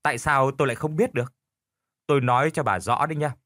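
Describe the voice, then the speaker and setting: A man's voice: mid-range voice, animated, a little fast, a bit bright, no echo, clean studio sound. A man voicing a lazy, stubborn old village husband who argues back smugly. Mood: stubborn bickering. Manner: stubborn, quarrelsome.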